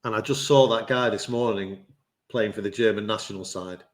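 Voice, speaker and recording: A man co-hosting a sports podcast, relaxed and laughing at his own stories. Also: lowish voice, moderate pace. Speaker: podcast co-host. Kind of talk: casual podcast chat.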